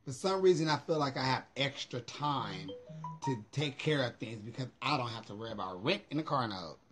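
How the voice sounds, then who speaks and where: A man's voice: mid-range voice, lively intonation, brisk, a bit bright, soft background music. A middle-aged American man chatting casually on a livestream in a sassy, emphatic way, swearing freely, recorded on a phone in a room at home. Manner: sassy, emphatic, profanity-laced. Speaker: vlogger. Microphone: phone at arm's length.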